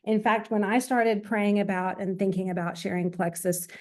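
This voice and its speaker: Female host, middle-aged. Soft-edged, mellow tone, chatty introductions. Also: mid-range voice, steady tone, moderate pace. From small town in eastern Georgia, USA. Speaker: host, team leader. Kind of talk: conversational introduction on a group call.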